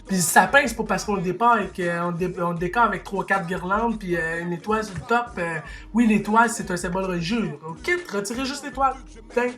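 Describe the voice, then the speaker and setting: A man's voice: sits high, a little fast, sharp tone, soft background music. A man from Quebec with a Québécois French accent, delivering a heated opinion rant to viewers, arguing and restarting sentences as he goes. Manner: impassioned, argumentative, full of restarts and asides. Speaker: vlogger.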